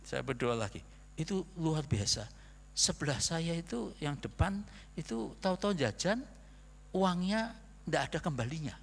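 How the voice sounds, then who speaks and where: A man's voice: on the high side, lively intonation, moderate pace, gravelly. An older man with a Javanese accent, a pastor telling a story in a chatty, rambling sermon that keeps trailing off on fillers. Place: church hall. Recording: long church hall reverb.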